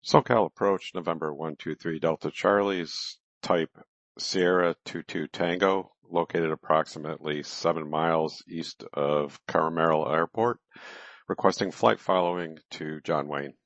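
Very deep male pilot on headset radio. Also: fairly even intonation, unhurried, no echo. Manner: clipped, standard aviation phraseology with readbacks. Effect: cockpit headset radio transmission. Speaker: private pilot. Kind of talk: radio calls to air traffic control. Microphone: headset microphone. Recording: dull, lo-fi, dry radio audio.

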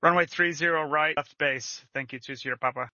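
A man's voice: fairly high pitch, fairly quick, sharp tone, no echo, lo-fi sound. A man pilot making hesitant, polite calls to air traffic control over an aircraft radio, with many fillers. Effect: heard over an aircraft radio.

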